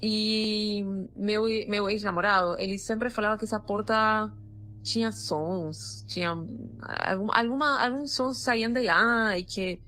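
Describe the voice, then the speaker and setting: A woman's voice: mid-range voice, pushed and bright. Argentine woman telling a story, hesitant. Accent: Argentine Spanish. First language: Spanish. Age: 30s. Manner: hesitant, many fillers and restarts. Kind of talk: voice-message storytelling.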